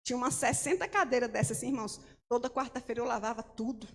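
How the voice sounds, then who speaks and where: A woman's voice: fairly high pitch, fast talker. A middle-aged woman missionary giving an emphatic testimony sermon in church, often calling out to the congregation. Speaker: missionary preacher. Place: church hall. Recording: long hall reverb.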